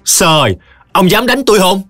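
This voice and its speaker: A man voicing a quarrelsome, slandering old woman who shouts scornfully. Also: high-pitched, big pitch swings, moderate pace, no room sound, soft background music, pitched above the performer's own voice, exaggerated voice. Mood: shrill defiant.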